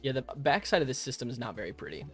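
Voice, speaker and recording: A fast-talking young adult man with a mid-range, sing-song voice chats with viewers during a live stream as he plays, answering their messages. He's friendly and rambling, laughs frequently, and keeps restarting, all over soft background music on a modest home microphone.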